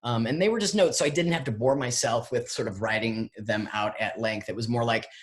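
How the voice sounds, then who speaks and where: A man, a guest artist, answering audience questions in a halting, rambling way full of fillers and restarts, heard over a video call. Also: medium pitch. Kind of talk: casual conversation, answering questions.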